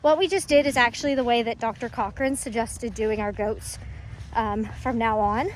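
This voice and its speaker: A woman's voice: on the high side, normal speed, a little hiss or hum, low-quality recording. A woman farm vlogger explaining at length in a chatty, rambling way, recorded outdoors on a farm. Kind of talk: casual explanatory chat.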